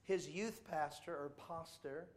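A man preaching to a congregation, telling travel stories in a jokey, animated way with playful mock voices. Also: on the high side, unhurried. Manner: jokey, does voices and mock accents in quotes. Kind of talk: animated sermon storytelling.

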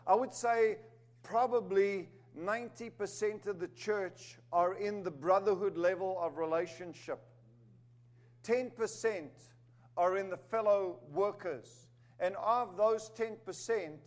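A man from Zimbabwe who grew up in South Africa preaches an emphatic sermon in a high voice, taking it slowly. He rises to stress key words and adds humorous asides.

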